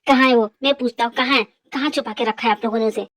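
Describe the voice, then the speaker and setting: An angry, protective older brother , voiced by a woman in a fan audio drama. He demands answers and makes threats, on a higher voice than most men. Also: fairly even intonation, fast, music in the background, close to an everyday voice. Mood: demanding.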